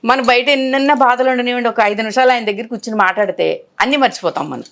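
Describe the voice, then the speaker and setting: Expressive older woman, fairly high voice. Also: fast talker. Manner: animated, acts out others' words in quotes. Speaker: actress recounting her film career. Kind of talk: emotional storytelling in an interview.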